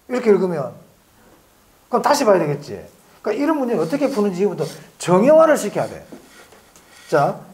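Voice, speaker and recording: A male lecturer with a high, bouncing voice that rises and falls widely as he teaches. He fires short questions at his students and answers them himself, drawing out important terms slowly so they sink in. The delivery is a brisk exam-prep class. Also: darkish tone. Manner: drills students with quick repeated questions; stretches key phrases slowly for emphasis.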